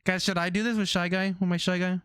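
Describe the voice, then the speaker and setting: A man's voice: high-pitched, level tone, quick pace, a bit bright, clean tone, dry recording, studio quality. A young man streaming, chatting casually with his viewers, rambling off on tangents and laughing often.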